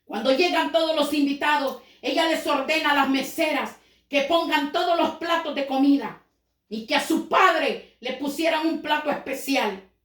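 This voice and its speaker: A woman preacher telling a parable as a sermon, slowing down for dramatic moments and acting out the quotes. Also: high-pitched, a bit bright, reverberant. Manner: storytelling with dramatic slowdowns and acted quotes.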